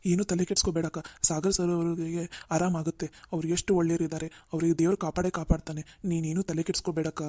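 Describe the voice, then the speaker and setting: A woman's voice: fairly low pitch, little pitch movement, fast talker, mellow, dry recording, natural voice. A woman voicing a soothing young cartoon sister. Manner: soothing, reassuring. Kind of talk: Kannada cartoon voice acting.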